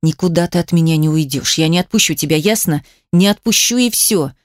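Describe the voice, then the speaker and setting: A woman reading aloud voices a domineering, possessive husband in a low, menacing hiss. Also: steady tone, moderate pace, smooth, no echo, clean studio sound, lightly acted.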